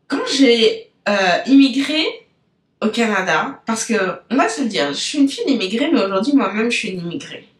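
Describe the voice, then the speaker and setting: A woman's voice: a little high, lively intonation, normal speed, reverberant. A woman from France with a French accent, a business coach hosting her podcast in a loose, unscripted monologue that rambles and digresses as she talks straight to her listeners. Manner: rambling, chatty, loses her thread and digresses; talks directly to listeners with frequent fillers.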